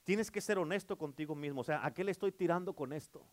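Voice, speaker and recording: A man's voice: a little high, fast talker. A middle-aged male pastor preaching a sermon, emphatic and repetitive, often calling for amens.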